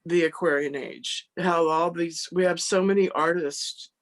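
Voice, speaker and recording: A woman's voice: on the low side, fairly even intonation, unhurried. A woman hosting a casual conversation on a video call, chatty and full of fillers. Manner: chatty, lots of "like" and "you know". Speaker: host. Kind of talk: conversational interview.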